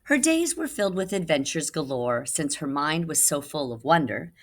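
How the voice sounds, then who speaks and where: With her voice pitched low and moving at a moderate pace, a woman reads a storybook to young kids. Her delivery is highly animated in the style of a reading teacher, ranging widely in pitch and leaning dramatically on important words.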